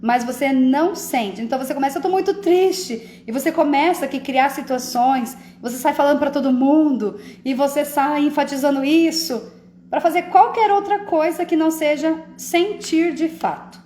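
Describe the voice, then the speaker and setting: A woman's voice: high-pitched, normal speed, dark tone, roomy sound. A woman hosting a live stream, talking casually about emotions and often checking that listeners follow. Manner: conversational, often asks "entende?".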